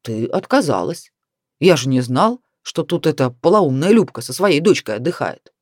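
A woman's voice: deep voice, big pitch swings, normal speed, darkish tone, no room sound, clean studio sound. A woman reading the part of a jovial middle-aged husband who mocks and then turns defensive. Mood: defensive, mocking. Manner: mocking, wry storytelling.

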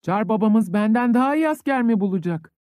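A man's voice: high-pitched, expressive, brisk, a little mellow, no room sound, clean studio sound, pitched above the performer's own voice. A man voicing a timid, puzzled peasant. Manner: questioning.

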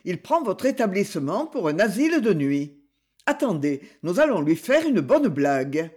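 Rowdy prankster mayor, read by a man, husky and lively. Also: high-pitched, normal speed, heavily acted. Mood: jovial. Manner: loud, jovial exclamations. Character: mayor, middle-aged man, boisterous prankster.

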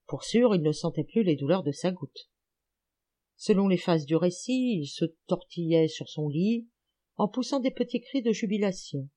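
Mellow-voiced woman reading an audiobook. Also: lowish voice. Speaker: audiobook reader. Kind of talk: audiobook narration.

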